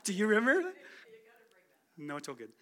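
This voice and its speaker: A man in his forties stands at a church pulpit as a guest speaker, offering a relaxed, conversational testimony and making fun of himself. He speaks at a normal speed in a high, pushed, bright voice whose pitch swoops wildly.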